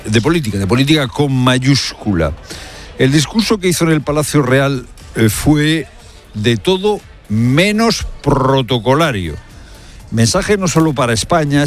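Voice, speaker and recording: A male commentator, talking through the news live at a mid-range pitch. He leans hard on his points and keeps throwing rhetorical questions at the listener. Hesitant fillers break up his sentences now and then. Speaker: radio commentator.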